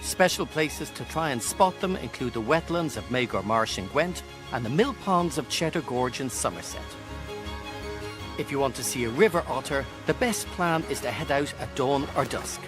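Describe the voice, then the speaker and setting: A man's voice: mid-range voice, lively intonation, moderate pace. A man reading a scripted narration for a wildlife guide. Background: music.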